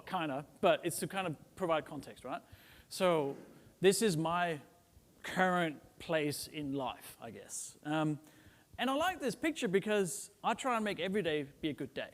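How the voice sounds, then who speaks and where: A middle-aged man from Denmark giving a casual, joking conference talk to a live audience, often tagging "right?" onto his points. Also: on the high side. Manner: chatty and joking, with frequent "right?" tags and "um" fillers. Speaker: conference speaker. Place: large conference hall. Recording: reverberant conference hall.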